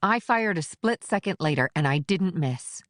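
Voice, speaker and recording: Woman doing hard-nosed female agent in an audiobook, clipped and blunt, lowish voice. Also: expressive, moderate pace, no room sound, clean studio sound, close to an everyday voice. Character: tough female federal agent Knox, blunt. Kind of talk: audiobook character reading.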